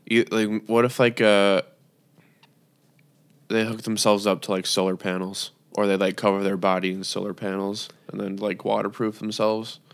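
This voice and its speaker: A man's voice: fairly low pitch, little pitch movement, creaky, clean tone, no room sound. A young man co-hosting a casual podcast from home, hesitant and full of fillers. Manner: slow, hesitant, many fillers. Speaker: podcast co-host. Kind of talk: casual chat. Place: home, remote recording.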